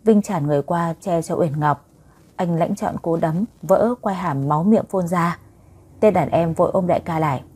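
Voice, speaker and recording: A woman narrating a romance novel as an audiobook, reading every character in one voice and louder for the thugs. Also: lowish voice, moderate pace, breathy edge.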